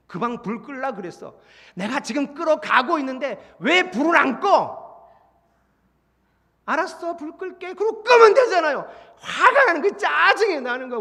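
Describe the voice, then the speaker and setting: A middle-aged male pastor preaching a sermon in a church, lively, with rhetorical questions and acted-out dialogue. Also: very high voice, gravelly. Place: church sanctuary. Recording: long church reverb.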